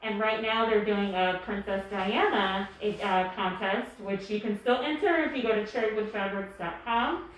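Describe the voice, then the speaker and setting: A woman's voice: mid-range voice, moderate pace, hardly any pauses, slight background noise. A woman giving a casual guided tour as a guide, her voice slightly muffled through a face mask. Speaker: exhibit tour guide and co-curator. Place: indoor art gallery. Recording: very echoey room.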